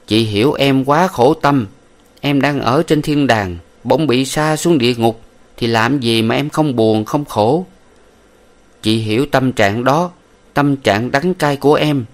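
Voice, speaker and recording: A man voicing a shrewd, smooth-talking brothel madam in an audiobook, coaxing and sweet. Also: mid-range voice, a little slow, pitched above the performer's own voice, lightly acted. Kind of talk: audiobook character voice.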